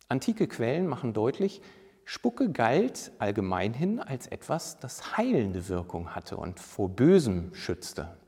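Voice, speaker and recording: A man giving a measured, deliberate sermon and reading scripture with emphasis. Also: mid-range voice, creaky, darkish tone, breathy edge, big-room sound. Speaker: preacher.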